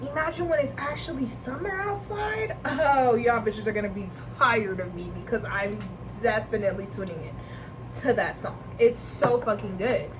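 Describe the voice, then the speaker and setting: A woman's voice: on the high side, moderate pace. Chatty young woman, noisy home recording. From Nigeria. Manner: rambling, slangy, laughs often. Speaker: vlogger. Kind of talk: casual chat.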